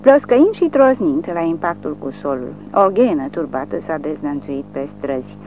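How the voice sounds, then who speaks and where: An audiobook narrator reads with a dramatic delivery and a lively, swinging pitch. The recording is thin and phone-like, with faint music in the background.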